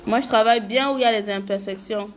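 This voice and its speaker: Woman streaming a makeup tutorial, slightly high voice, chats w/ viewers, faint hiss. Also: fairly even intonation, fast. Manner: chatty, greets viewers by name. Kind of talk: casual live makeup tutorial.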